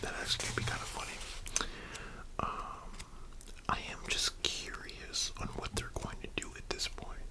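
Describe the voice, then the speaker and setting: A person speaking in a soft, breathy whisper, musing casually like an ASMR host in a discussion video. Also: normal speed, rough recording.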